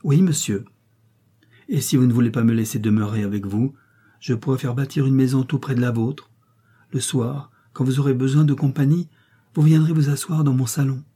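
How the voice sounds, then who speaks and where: A devoted, spirited young woman, as a male reader puts her on, gentle and reassuring. The tone stays very dark and mellow, with a husky grain. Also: medium pitch, fairly even intonation, moderate pace, natural voice.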